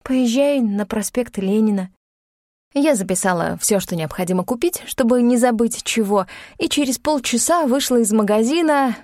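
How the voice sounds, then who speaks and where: A woman tells a first-person story as an audiobook narrator, lively and expressive. Her voice sits fairly high yet sounds soft and mellow. It is recorded close with a dry sound. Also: no echo.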